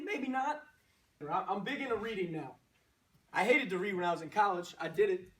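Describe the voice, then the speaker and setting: Male coach for a pregame pep talk: high-pitched, exhorting, punchy, heard from a distance in an echoey room. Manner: exhorting, punchy short phrases, rhetorical questions. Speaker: coach giving a guest pregame speech. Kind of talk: motivational pregame pep speech to a team. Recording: roomy echo, distant microphone.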